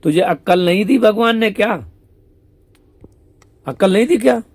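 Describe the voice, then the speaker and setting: A man voicing a scolding Krishna, raised pitch. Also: expressive, measured pace, gravelly, no echo, full character voice. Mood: angry teasing. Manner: scolding, exasperated. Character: divine young cowherd man, scolding and teasing.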